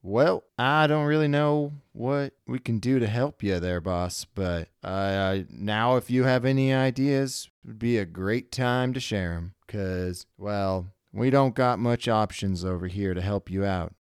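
A man voicing a gravelly old male ship mechanic with a folksy, drawling way of talking. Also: fairly low pitch, unhurried, hardly any pauses, no room sound, clean studio sound. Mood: wry concern. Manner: folksy, drawling, says "boss".

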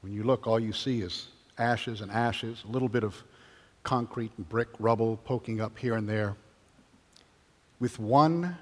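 A man serving as priest, reading the gospel and preaching in a measured, earnest way, with his voice ringing in a large church. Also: mid-range voice. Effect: cathedral echo. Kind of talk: gospel reading and homily at Mass. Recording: long cathedral reverb.

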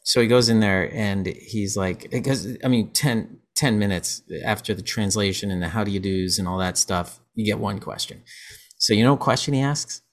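A man's voice: lowish voice, normal speed. A man hosting a podcast, telling stories in casual chat, rambling with many restarts. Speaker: podcast host.

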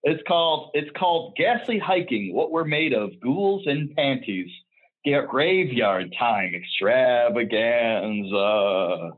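A man's voice: mid-range voice, expressive, takes it slowly. A man heard over a phone line, co-hosting a podcast with playful, teasing banter and frequent laughter. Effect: heard over a phone or call line. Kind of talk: casual comedic banter. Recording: tinny phone-line sound.

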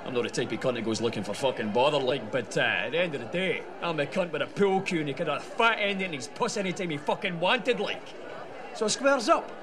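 An actor playing an aggressive, boastful, foul-mouthed Scottish hard man, telling a pub story in a film in a rough street accent with cocky menace. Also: on the high side, fast, lightly acted. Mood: menacing swagger. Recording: clear crowd and location noise behind.

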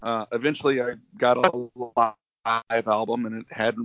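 A middle-aged man speaks as an interview guest over a video call, his voice coming through dull and lo-fi with no room sound at all. He talks at a moderate pitch and tells his stories in an enthusiastic, rambling way. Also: steady tone, measured pace, fairly bright tone, no echo. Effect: heard over a video call, connection breaking up. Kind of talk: casual interview.

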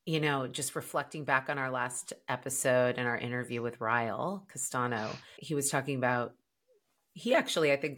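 A woman's voice: extremely low pitch, a bit bright. A woman co-hosting a dating podcast, reflecting in casual chat with many fillers. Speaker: podcast co-host, dating coach.

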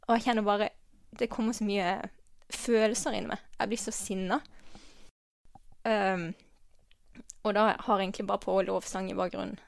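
A woman giving a personal faith testimony, halting and earnest, with many pauses and restarts, sometimes dropping to a soft whisper. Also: mid-range voice, gravelly, no room sound. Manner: drops to a soft whisper at tender moments. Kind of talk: personal testimony, spoken from memory.

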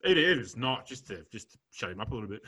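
A man's voice: lowish voice, sing-song, fast, pushed and bright, husky. An Australian man co-hosting a casual podcast, teasing his co-host and joking around.

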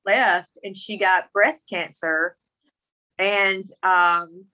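Bright, forceful Mississippi country-accented woman. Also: mid-range voice, fairly even intonation, very slow, poor audio. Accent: Mississippi Southern country. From Mississippi, rural United States. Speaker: interview guest telling her story. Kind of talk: personal storytelling in conversation.

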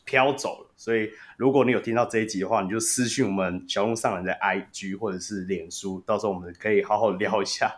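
A man's voice: fairly low pitch, steady tone, fast talker, few pauses. A man with a Taiwanese Mandarin accent hosting a casual sports podcast, telling stories animatedly and laughing often. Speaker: podcast host.

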